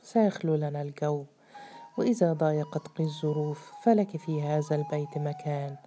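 A woman's voice: sits low, moderate pace, warm tone, faint music behind, natural voice. A woman voicing a scornful, sneering man. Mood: soothing. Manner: sneering, mocking. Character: menacing scornful man, a gang boss.

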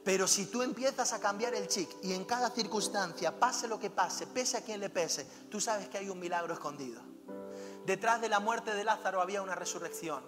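A male pastor delivers a fervent, exhorting sermon and drops personal stories into it. His high voice carries through a long-reverb hall while music plays underneath.

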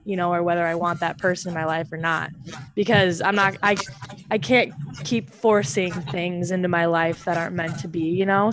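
A woman's voice: lowish voice, background noise. A woman hosting a podcast in a casual, rambling chat with many fillers and easy laughter. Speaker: podcast host.

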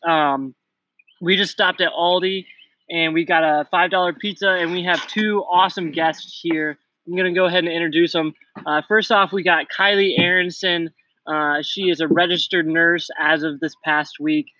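A man's voice: on the high side, fairly even intonation, moderate pace, pushed and bright, dry recording, low-quality recording. A man co-hosting a casual podcast from home, leading the questions and cracking self-deprecating jokes. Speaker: podcast co-host. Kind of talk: casual chat. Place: home, at night.

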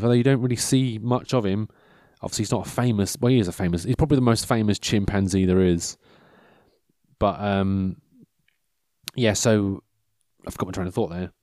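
A man in his mid-thirties rambles through a casual monologue, interrupting himself, losing his train of thought, and poking dry fun at himself. His voice is lowish with a darkish tone, and the recording is dry.

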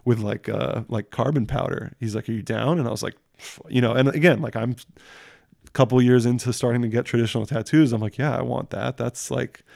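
A man's voice: medium pitch, fairly even intonation, a little fast, vocal fry, a little mellow, no room sound, studio quality. A young man telling stories in a casual chat, rambling and slangy, packing every sentence with fillers and swearing. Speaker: guest telling tattoo stories.

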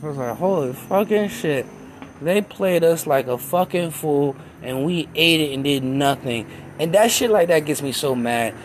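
A man's voice: fairly high pitch, expressive, moderate pace, slight background noise. Heated, profane young man ranting. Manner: profane, heated, rambling conspiracy talk. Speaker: self-described conspiracy theorist. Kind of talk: casual rant.

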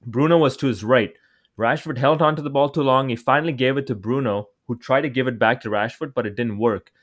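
A man in a casual football podcast, voice of ordinary middle pitch, talking through his opinions with conviction. He likes to hammer a point home by repeating it. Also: fairly quick. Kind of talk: casual sports chat.

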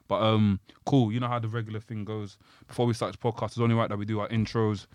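Fast-talking London roadman podcast host, man. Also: on the low side, little pitch movement. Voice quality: London roadman slang-heavy delivery. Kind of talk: casual podcast banter.

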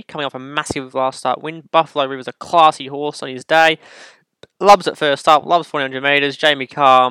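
Bright, clear Australian bloke rambling tips. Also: male voice, fairly high pitch, no room sound. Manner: rambling, self-correcting, joking. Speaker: podcast host giving racing tips. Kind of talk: casual solo podcast chat. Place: home room.

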